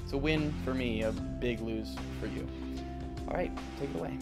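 A man's voice: medium pitch, moderate pace, creaky, loud music behind the voice. A man in his twenties hosting a casual web news show in a rambling, joking way. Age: 20s. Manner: rambling, jokey. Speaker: show host. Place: indoors, facing camera, music behind.

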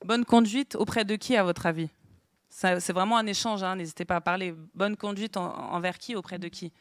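Speaking fairly quickly in a steady, medium-pitched voice, a woman teaches the Bible interactively to a small group in a meeting room, questioning them and writing on a board. The recording is dry.

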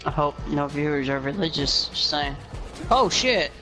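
A man's voice: on the high side, expressive, moderate pace, music in the background. A man chatting casually while livestreaming a game with a friend, crude and giggly, swearing a lot. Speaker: gamer.

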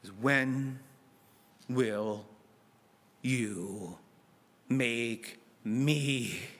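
A middle-aged man preaching a sermon from a church pulpit, acting out dialogue with dramatic swings between loud and soft. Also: medium pitch, drawn-out words. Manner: dramatic, voices God and Moses in lively asides. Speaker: pastor. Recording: long church reverb.

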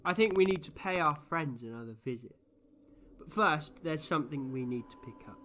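Eccentric sci-fi hero, male actor: bright, lightish voice, theatrical bluster, impulsive confidence. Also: fairly high pitch, a little hiss or hum. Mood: determined. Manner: animated, theatrical, quick to bluster. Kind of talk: sci-fi audio drama acting.

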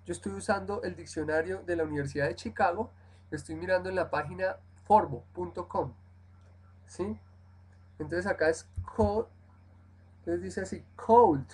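Over a poor-quality live stream, a woman gives an English lesson in a lowish, slightly mellow, husky voice. She walks through each step, says example words slowly and repeats them with care, and keeps making sure her students follow.

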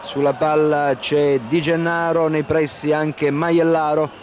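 A man giving live football play-by-play commentary on television, factual and measured, naming players in clipped phrases. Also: fairly high pitch, little pitch movement. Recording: noisy old 1990 TV broadcast.

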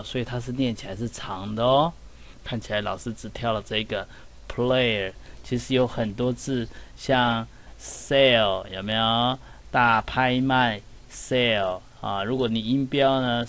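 A middle-aged man teaches pronunciation in a loose, conversational way. His pitch sits in the middle for a man. He fills the lesson with little check-ins like "see?" and "right?". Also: a bit bright. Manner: chatty, with many "哈" and "有没有" asides. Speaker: English teacher. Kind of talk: casual classroom lesson.

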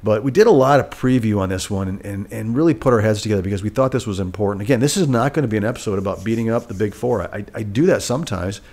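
Speaking quickly with few pauses, this middle-aged podcast host has a low-leaning, somewhat mellow voice with a nasal, congested quality. Alone in a rented apartment living room, he talks casually and candidly, wandering off track and fixing his own words. His microphone is a studio model on a boom arm.

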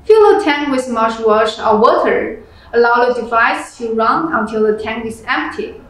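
A young woman presenting products, reading a review script in plain, steady phrasing. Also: a little high, unhurried. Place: small room indoors. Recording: very echoey room with background music.

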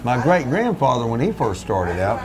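An older man who owns a small restaurant, telling its history in a relaxed, folksy way with many restarts, seated at a table in a back room. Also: medium pitch, moderate pace, crowd noise. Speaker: restaurant owner. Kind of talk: relaxed storytelling interview. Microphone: seated at a table, camera in front.

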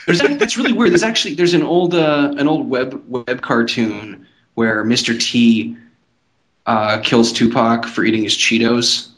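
Guy on a podcast rambling through stories, normal pitch. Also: a little slow, fairly bright tone, poor audio. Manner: rambling anecdotes. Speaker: podcast co-host. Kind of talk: casual comedic chat.

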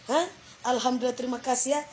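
Effusive high-voiced woman on a livestream. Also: fairly even intonation, fast, darkish tone, slight background noise. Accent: Manado Indonesian. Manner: effusive, exclaiming, breaks into laughter. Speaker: livestream host. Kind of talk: casual livestream chat thanking viewers for gifts.

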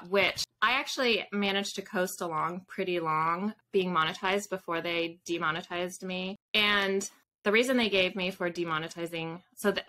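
Speaking as a podcast guest, this thirties-aged author has a fairly low-pitched voice with a bright, forceful tone. She explains things casually and informally over a video call from her small bookshelf-lined room at home. The low-quality recording carries faint background noise.

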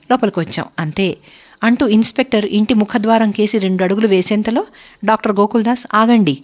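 A woman narrating a detective novel aloud, reading every character's lines in a plain, steady storybook voice. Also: medium pitch, lo-fi sound.

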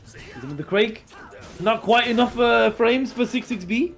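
A male fighting-game commentator with a high, bouncy voice that swings all over. He talks fast and excitably, cracking jokes and going off on rambling explanations. Faint music plays underneath. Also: vocal fry. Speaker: esports commentator.

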